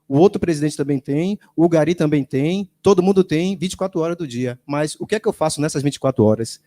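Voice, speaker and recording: Mellow-voiced preacher man. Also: fairly high pitch. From Brazil. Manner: conversational, asks the congregation questions; acts out quoted voices. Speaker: lay preacher. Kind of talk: sermon. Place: church.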